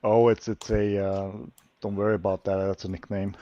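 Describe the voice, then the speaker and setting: A man from Slovakia, speaking English as an in casual chat, halting and searching for words. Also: lowish voice, level tone, mellow. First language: Hungarian. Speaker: lockpicking livestream guest. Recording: dull lo-fi stream audio.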